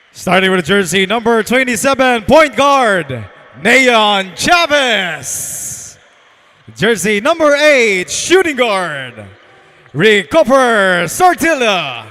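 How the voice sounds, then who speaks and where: A man's voice: very high voice, bright, forceful tone. A man with a Filipino accent announcing in a hyped arena style, stretching out names like a fighting game announcer. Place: large indoor arena over PA. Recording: long echoing arena PA reverb.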